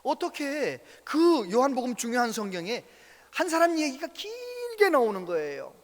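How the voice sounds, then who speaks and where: Lively high-voiced male pastor preaching. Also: moderate pace. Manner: animated storytelling, acts out quoted voices. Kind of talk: sermon. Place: church sanctuary. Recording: reverberant church hall.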